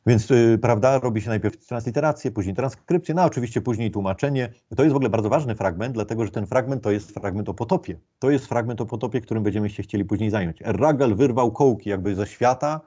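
Low-voiced man giving an explanatory lecture. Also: fast talker, few pauses, mellow, slightly rough, lo-fi sound. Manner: explanatory, with many fillers and restarts. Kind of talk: informal lecture.

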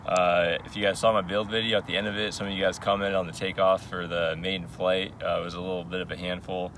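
A young man with a deep, fairly monotone voice talks casually to the camera, peppering his speech with relaxed uhs. He stands on an open airfield, and steady outdoor noise runs clearly behind him. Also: fast talker. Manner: relaxed, many filler uhs. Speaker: RC hobby channel host. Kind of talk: casual on-camera vlog talk.

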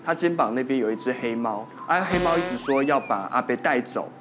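Fast-talking man telling a ghost story. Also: medium pitch, expressive. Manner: quotes people in dialogue while telling the story. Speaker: doctor guest. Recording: studio with music playing under it.

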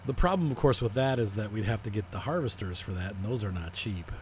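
Low-voiced man musing over a farm game. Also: fast, slight background noise. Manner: relaxed, thinking aloud with fillers. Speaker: gaming video host. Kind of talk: casual farming-sim commentary.

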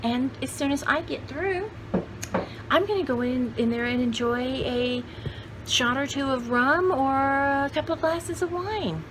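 Rambling, joking and folksy, a sixty-something woman hosts her vintage haul channel from a shelf-lined home studio room. She speaks unhurriedly in a voice that sits high. Background noise is audible.

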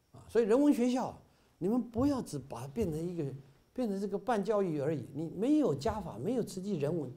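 A man's voice: sits high, dark tone. A middle-aged man giving an informal Buddhist talk to fellow volunteers, full of "ah" fillers and rising to emphatic peaks. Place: bookstore meeting hall.

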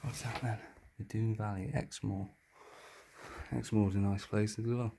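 With a lowish voice, a level tone and vocal fry, a man speaks at a measured pace as he explores an abandoned house. He is an urban exploration vlogger, cursing casually and muttering to himself and viewers amid the dust and clutter indoors. The handheld phone or camera recording is noisy and clicky.

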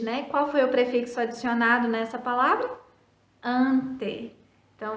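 A woman's voice: sits high, bright, forceful tone, reverberant. A Brazilian woman teacher giving a recorded lesson to children, speaking patiently, spelling out letters and syllables and answering her own questions. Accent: Brazilian Portuguese. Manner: asks questions and answers them herself.

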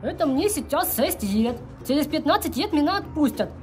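A man voicing a cheeky, naive six-year-old boy with a childish lisp in a comedy sketch, his voice pitched up. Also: big pitch swings, normal speed, a little mellow, faint music behind. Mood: naive, chatty.

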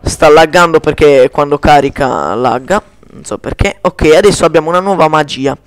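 A man giving casual gameplay commentary in speech, chatty, cursing at lag and slowly chanting spell words. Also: a little high, dry recording.

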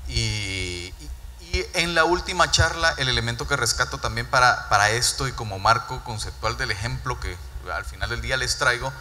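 Bright-voiced man giving a stage keynote. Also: medium pitch, normal speed, slight background noise. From Guatemala. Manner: earnest, repeats words while building points. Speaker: corporate speaker. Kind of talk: conference keynote talk. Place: large dark event stage. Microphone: handheld mic. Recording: reverberant stage hall.

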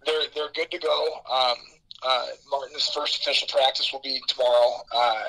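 A man's voice: mid-range voice, fairly even intonation, moderate pace, sharp tone. A man coaching college wrestling, talking upbeat over the phone, with many fillers and repeated words. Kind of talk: phone interview. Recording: tinny phone line.

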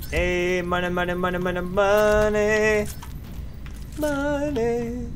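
A man in his thirties shouting urgently and swearing while commentating live on a game he is streaming. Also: high-pitched, level tone, slow pace. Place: small indoor streaming room. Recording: clear noise of game sounds and vehicles.

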